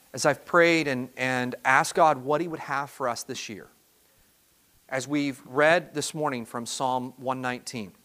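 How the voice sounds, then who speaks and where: A pastor giving a sermon to his congregation, earnest and halting, often repeating words as he restarts his sentences. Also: medium pitch, fairly bright tone.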